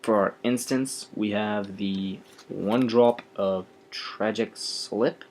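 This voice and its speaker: A young man explaining his card game deck in a casual, low-energy way, pausing often with ums. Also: fairly even intonation, darkish tone, a little hiss or hum.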